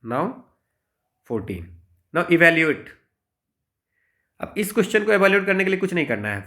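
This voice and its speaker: This maths teacher speaks with an Indian accent in a fairly high voice that's a bit bright. His lesson is informal, and he walks through problems one step at a time, often adding small tags to check that the listener keeps up.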